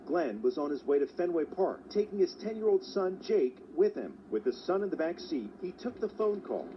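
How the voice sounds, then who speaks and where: Lively news reporter man narrating. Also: fairly high pitch. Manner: measured storytelling delivery. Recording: dull lo-fi sound, faint hiss.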